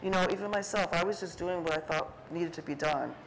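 Here a middle-aged woman with a fairly low pitch talks briskly before an audience at an indoor art fair talk, where she's an artist on a panel discussing her photography. It's loose, conversational stage talk with plenty of fillers and restarts, and she acts out the things people said. Slight background noise and poor audio mark the clip.

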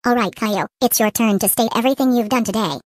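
A woman's voice: a little high, quick pace, no room sound. Bossy woman teacher, dry sound. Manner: bossy, threatening. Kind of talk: cartoon voice acting.

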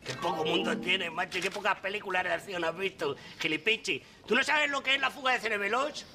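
A middle-aged man with a Spanish accent plays a pompous, easily offended son in a sitcom. His voice sits high and has a gravelly edge. He gets indignant fast and often shouts. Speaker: sitcom character, grown son. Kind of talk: sitcom acting.

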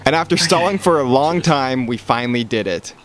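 A man's voice: mid-range voice, expressive, brisk. A young man giving a casual voice-over narration for a vlog. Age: young adult. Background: music.

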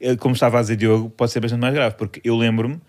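A man's voice: mid-range voice, little pitch movement, fast talker, a little mellow. A man with a European Portuguese accent, co-hosting a comedy podcast, telling rambling, digressive stories. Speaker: podcast co-host.

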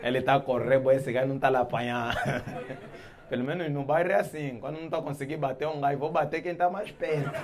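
A man doing stand-up comedy, animated and laughing often with loud exclamations. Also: a little high.

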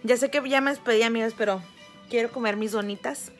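Holding her phone out at arm's length, a woman in her thirties vlogs about family life in a car at night, a mall and her kitchen at home, talking directly to viewers and softly correcting the kids. She speaks fairly quickly in a higher voice, with soft background music under heavy crowd and ambient noise.

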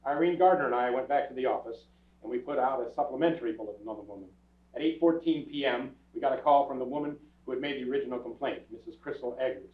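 Heard from far off through a camera, an older man onstage voices a clipped, businesslike police detective recounting his case in a staged radio crime drama before an audience. He speaks quickly in a mid-range, near-everyday voice, matter-of-fact and procedural, and the theatre echo makes it sound tinny.

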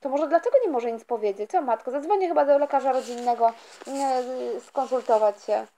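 A woman's voice: sits high, brisk, warm tone, a little hiss or hum. A woman voicing the parents in a toy story, fussing with worried exclamations.

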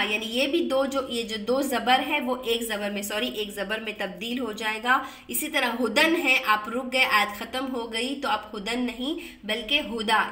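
Woman teacher going over recitation rules, bright voice, echoey room, kinda far from the mic. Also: on the high side. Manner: patient, repeats and drawls example words slowly. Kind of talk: explaining Tajweed rules to students.

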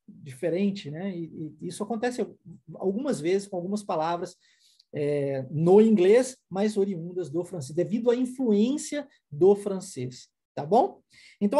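A man's voice: sits high, dark tone, slightly rough. A Brazilian man with a Brazilian Portuguese accent, teaching an online English lesson and explaining patiently with frequent tag questions.

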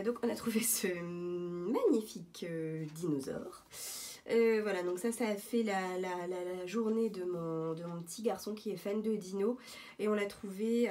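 Mellow-voiced woman chatting casually. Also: mid-range voice. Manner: chatty, hesitant with many fillers and restarts. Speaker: vlogger showing thrift finds. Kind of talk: casual show-and-tell vlog. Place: at home, indoors.

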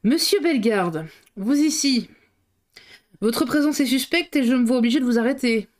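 A woman's voice: fairly high pitch, expressive, normal speed, darkish tone, voice pushed up, close to an everyday voice. A woman reading as an angry, suspicious police inspector.

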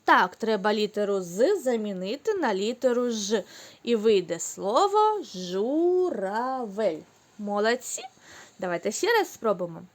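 Slow, lilting woman teacher. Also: mid-range voice, very animated. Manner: slow, clear, drawn-out syllables for children. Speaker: kindergarten teacher. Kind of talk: recorded online lesson for young children.

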